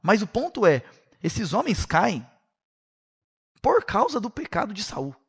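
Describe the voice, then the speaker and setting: A man's voice: high voice, measured pace, breathy edge. A man with a Brazilian Portuguese accent teaching a Bible study series, retelling the story vividly and speaking straight to his listeners. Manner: animated storytelling, addresses listeners directly.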